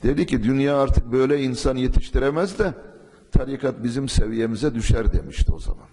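A man's voice: medium pitch, dark tone. Man preaching at a pulpit microphone. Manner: measured, emphatic, recites Arabic verses. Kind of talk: sermon. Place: mosque pulpit. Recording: long hall reverb.

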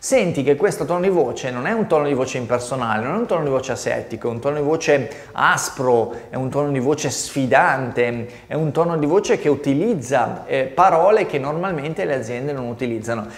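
A man's voice: mid-range voice, expressive, moderate pace, few pauses. A man explaining marketing communication in a conversational video lesson, often turning to the viewer with rhetorical questions. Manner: conversational, addresses the viewer directly with frequent rhetorical "no?". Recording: roomy echo with long reverb.

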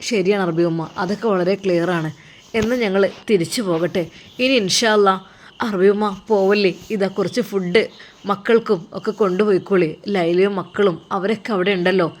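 A woman's voice: medium pitch, fairly even intonation, moderate pace, lightly acted. A woman voicing a generous young working man, speaking politely but insistently.

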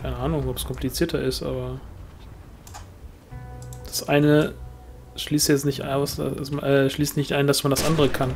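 A let's play gamer chats casually during a co-op online game, dry and joking while grumbling at the game. His mid-range, gravelly voice is level in tone, with a measured pace and long pauses. Game music plays behind him.

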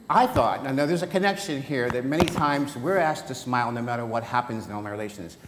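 A man speaking on stage at a conference as interviewer, telling jokes and loose stories. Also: medium pitch. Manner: joking, anecdotal, loose. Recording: echoey hall, noisy.

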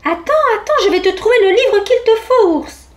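A woman's voice: very high-pitched, expressive, normal speed, echoey room, pitched above the performer's own voice. A woman voicing a small, timid female mouse with a whispery little voice in a storybook reading. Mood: hushed, helpful.

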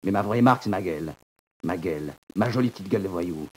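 A man's voice: sits low, lively intonation, fast. An actor playing a bitter, taunting young male prisoner in a 1940s radio drama, sneering and accusing. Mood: scornful. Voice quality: husky, gravelly. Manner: sneering, accusing, swings to shouting.

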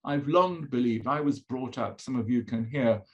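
A psychologist with a colonial accent from growing up in Africa lectures conversationally over a video call with slides, asking rhetorical questions and hammering points home with short, repeated phrases. His mid-range voice moves at normal speed, and the high frequencies are cut off.

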